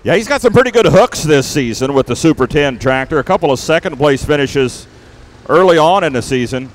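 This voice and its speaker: A man's voice: a little high, lively intonation, fairly quick, low-quality recording. A man announcing a tractor pull live, calling results and competitors as the event announcer.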